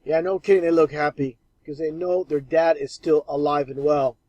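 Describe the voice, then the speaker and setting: A man's voice: a little high, fairly even intonation, normal speed, mellow, dry recording, highs cut off. A man narrating a voice-over in a scornful, mocking way. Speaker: video narrator. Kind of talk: conspiracy commentary voice-over.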